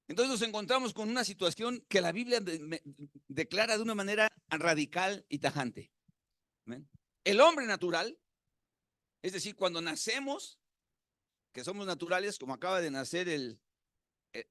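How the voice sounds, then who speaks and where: A man's voice: sits high, fairly bright tone, no room sound, clean studio sound. A male pastor with a Mexican Spanish accent, preaching a sermon in a conversational way and putting questions to the congregation.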